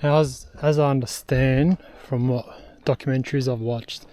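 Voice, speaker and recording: Out on a hillside trail, a young man narrates a casual travel vlog into a handheld camera while climbing uphill. His medium-pitched voice is mellow and steady at a normal speed, though he's short of breath and rambles with plenty of ums and uhs.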